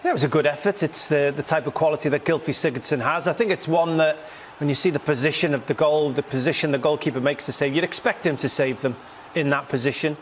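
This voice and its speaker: A man giving measured, conversational football match analysis as a studio pundit. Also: fairly high pitch, slight background noise.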